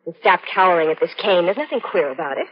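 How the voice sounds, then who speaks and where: An actress playing a scheming young fiancee in a 1940s radio suspense drama, with a calculating, dramatic delivery. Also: female voice, fairly low pitch, very animated, quick pace, slightly rough. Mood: cold, calculating. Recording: muffled old radio broadcast.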